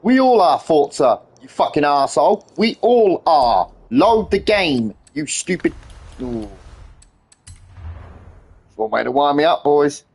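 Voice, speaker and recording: Male game streamer, husky and very animated, casual commentary full of irritated swearing and complaint. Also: fairly high pitch, measured pace, pauses often.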